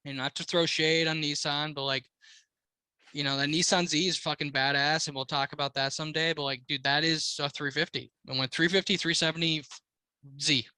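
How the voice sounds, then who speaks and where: A man's voice: fairly high pitch, steady tone, brisk, sharp tone, clean tone, dry recording. An American man co-hosting a casual podcast, talking like a slangy, swearing frat bro. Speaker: car podcast co-host.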